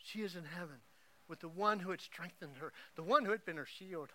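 A middle-aged man from Oklahoma preaching a sermon, telling an emotional story that swings from hushed to loud. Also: sits high, a little fast. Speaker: pastor.

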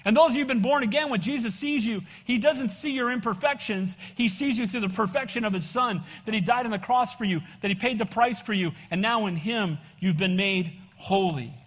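An older American pastor speaks fairly quickly in a high, fairly bright voice, hardly pausing as he delivers expository evangelical teaching. He calls for amens often and drifts into conversational asides while exhorting his congregation, his words echoing with long reverb through a large church room.

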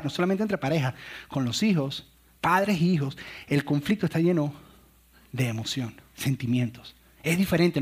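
A man's voice: high voice, breathy edge. A middle-aged man, a pastor, preaching a sermon on family conflict and telling stories with acted-out quotes. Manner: storytelling with acted-out quotes and laughs.

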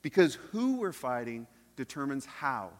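A man's voice: medium pitch, sing-song, measured pace. A man, a pastor, delivering a conversational sermon to a congregation, using rhetorical questions and repeating phrases for emphasis. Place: large church hall, speaking live. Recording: reverberant hall sound.

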